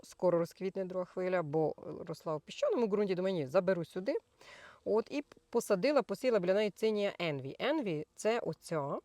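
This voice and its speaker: A woman's voice: deep voice, darkish tone, dry recording. A woman hosting a gardening vlog, talking casually outdoors in her garden, meandering and searching for words, with fond diminutives. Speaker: gardening channel host.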